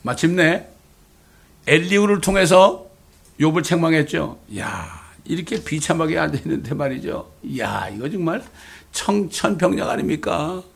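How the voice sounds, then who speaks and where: A pastor delivers a sermon in a voice that sits on the high side, with lively intonation at a normal speed and a creaky, husky texture. He poses rhetorical questions and voices scripture quotes dramatically, mixing in English phrases.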